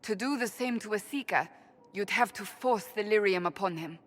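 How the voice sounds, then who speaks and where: A woman's voice: mid-range voice, normal speed, a bit bright, close to an everyday voice. An actress playing a devout, proud woman warrior who speaks firmly and formally. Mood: resolute. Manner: firm, formal, resolute. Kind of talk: video game voice acting.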